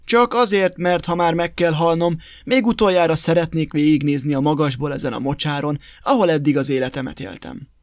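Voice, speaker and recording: A man's voice: fairly high pitch, hardly any pauses, no room sound, natural voice. A man voicing a sly, cheeky old toad. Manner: chatty, mock-innocent and teasing.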